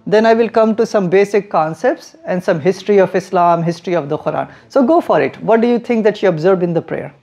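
Talking into a handheld mic in a classroom, this young guide from India has a high-sitting voice with vocal fry, a darkish tone, and a fairly quick delivery with few pauses, captured in dull audio. He is friendly and patient with a visiting group, laughing now and then, after starting out in a mosque hallway.

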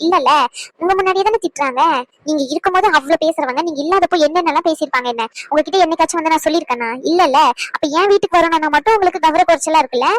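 A woman playing a quick-tempered wife who scolds her husband in a comedy skit. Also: very high-pitched, no room sound. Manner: scolding, indignant, rapid-fire.

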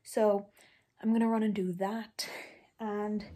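A woman's voice: medium pitch, little pitch movement, takes it slowly, dark tone. A young woman chatting casually in a rambling vlog, full of fillers, first while driving and later at home. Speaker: vlogger. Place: in a car, then at home.

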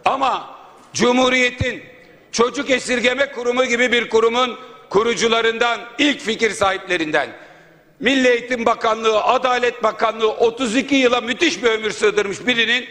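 A man's voice: very high voice, moderate pace, bright, forceful tone. A man speaking as a member of parliament at a podium microphone in a large chamber, making an indignant, rhetorical floor speech that piles up points. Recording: long reverb of a large hall.

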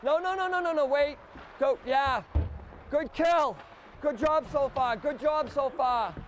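At an ice rink bench, a man coaches youth hockey, shouting short commands and encouraging his players. His voice is very high and his pace measured. There is a little hiss or hum in the recording.

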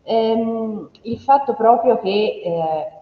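Young woman cohosting online panel, polite n halting, echoey muffled call audio. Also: a little high, expressive. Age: young adult. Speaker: panel co-host. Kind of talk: spontaneous live panel moderation. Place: indoor room with display shelves.

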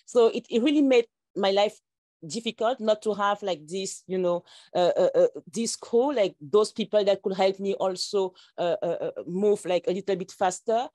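With a warm, medium-pitched voice at normal speed, a woman founder speaks on a video call panel in studio-quality sound with no echo. French isn't her first language, so she hesitates, filling gaps and restarting often, and she's indoors in a plain-walled room.

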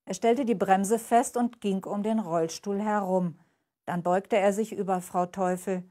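Brief: woman author reading her own novel aloud, slow and deliberate, mid pitch. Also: steady tone, mellow. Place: live reading event.

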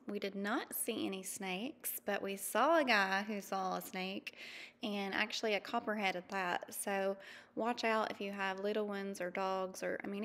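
A woman in her thirties narrating a travel vlog in a chatty, easygoing way, with frequent ums and quick laughs. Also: medium pitch, a bit bright, big-room sound. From mountain region. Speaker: vlogger. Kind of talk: casual voice-over narration.

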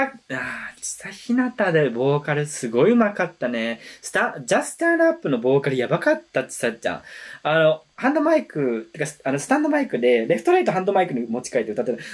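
A woman hosting a reaction video, chatting casually and explaining song lyrics in an animated, talkative way. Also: sits low, quick pace. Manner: chatty, animated, switches between explanation and excited comments.

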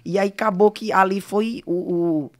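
A young man from Sergipe, Brazil, a singer appearing as a podcast guest, tells animated stories in a casual interview, filling them with lots of fillers. His voice sits high and moves at normal speed.

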